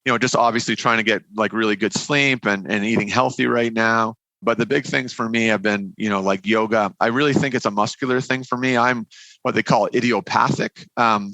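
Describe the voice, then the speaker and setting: A man speaks in a bright, edged voice in a very dry recording. His words come through nearly closed teeth, with little movement of the mouth. He talks casually, like a guest telling his own story. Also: on the low side, dry recording, rough recording. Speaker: podcast guest.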